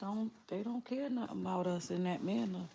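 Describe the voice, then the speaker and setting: A woman's voice: mid-range voice, brisk, creaky, mellow, a little hiss or hum. A middle-aged woman, chatting casually with viewers on a livestream, teasing and laughing often. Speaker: livestream host.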